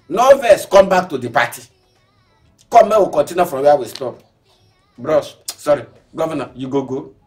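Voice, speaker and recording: Male news host, Nigerian Pidgin accent, playful and laughing, loud bursts then mutters; slightly distant mic over light music. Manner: joking and animated, laughs often, swings between loud bursts and low mutters. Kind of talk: comic Pidgin news commentary.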